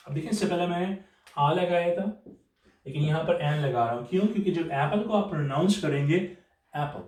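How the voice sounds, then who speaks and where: A man's voice: a little high, darkish tone. A man with a Pakistani accent teaching English grammar, mixing English and Urdu and tagging phrases with "okay?", spelling sentences out word by word. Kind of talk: spoken grammar lesson. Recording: echoey room, mic at a distance.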